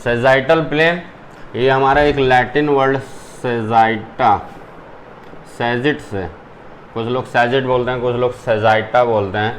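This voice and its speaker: A man's voice: medium pitch, slight background noise. A male zoology teacher giving a classroom lecture, explaining step by step and mixing in English terms.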